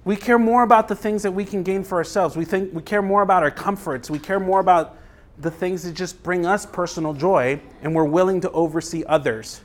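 A man's voice: high-pitched, a little fast. A man preaching a sermon in a conversational way, asking the listeners questions and acting out quotes. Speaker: pastor.

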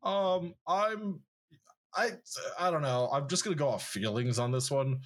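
A man's voice: fairly high pitch, lively intonation, a little slow. A man co-hosting a podcast in casual sports chat, thinking aloud and hedging as he goes. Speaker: podcast co-host.

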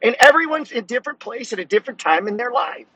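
Man, 50s, podcast host, profane and preachy, high husky voice. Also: animated, fast, sharp tone, no room sound, muffled recording. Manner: blunt, cursing, preachy. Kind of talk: profane motivational monologue.

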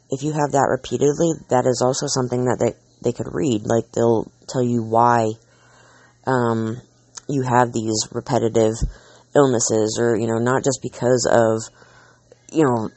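A man's voice: medium pitch, darkish tone, no echo. A man hosting a casual monologue, chatty and rambling, drifting off on tangents and full of filler words. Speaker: host counting down a list.

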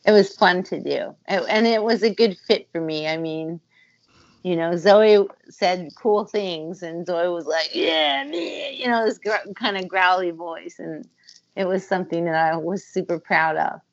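A woman's voice: fairly low pitch, steady tone, unhurried, no room sound, dull audio. A woman, a musician and former voice actor, talking thoughtfully in a casual interview over a video call, with frequent ums and uhs.

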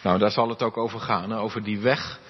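A pastor reads Scripture and preaches in a husky voice, giving the quoted lines an expressive turn. The recording is dull and muffled, and his voice trails off into the long reverb of a church hall. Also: on the low side, fairly quick. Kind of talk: Bible reading and sermon.

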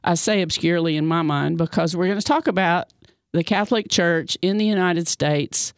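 A woman's voice: lowish voice, moderate pace, no echo. A woman, hosting a radio talk show in a chatty, bubbly manner with many fillers. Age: 60s. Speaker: radio host. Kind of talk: casual radio chat. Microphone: studio mic. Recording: dry studio sound.

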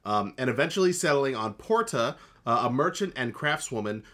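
Male co-host, very lively intonation, sarcastic recap banter. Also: medium pitch, moderate pace. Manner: animated and sarcastic. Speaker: podcast co-host. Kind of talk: casual recap chat.

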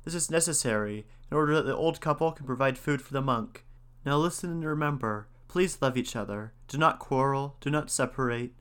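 A man voicing a gentle mother hen who speaks tenderly and pleadingly to her chicks in a storybook reading. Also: mid-range voice, brisk, smooth, lightly acted. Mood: tender, grieving. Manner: tender, pleading, soft-spoken.

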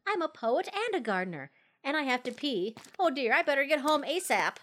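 A flustered, gushing woman gardener, acted by a woman in a comic audio play. She mutters fussy asides. Her pitch rises and falls with lively swoops. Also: a little fast.

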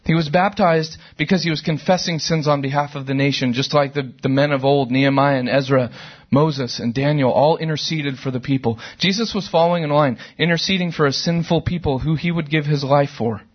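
A middle-aged man preaching a sermon to a church service, conversational and animated, with sudden loud outbursts. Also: fairly high pitch, fairly quick, dull audio. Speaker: pastor.

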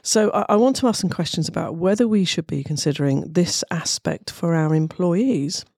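A woman with an English accent and a croaky, gravelly voice, presenting a talk show with vocal fry at the ends of her phrases. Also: on the low side, moderate pace, a little mellow, no room sound, studio quality. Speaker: radio show host.

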